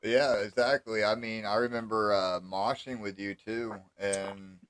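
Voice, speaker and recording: A man's voice: lowish voice, fairly even intonation, measured pace, a bit bright, smooth. A young man hosting a casual podcast, laid-back and enthusiastic. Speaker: host.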